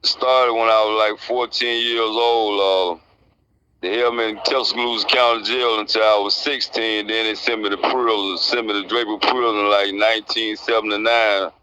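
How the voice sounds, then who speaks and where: A man's voice: lowish voice, little pitch movement, normal speed, sharp tone, a little hiss or hum, rough recording. A man in his sixties with a Southern Alabama accent, answering interview questions in a plainspoken, colloquial way. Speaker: interviewee, prison inmate. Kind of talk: casual interview answers, recounting experience.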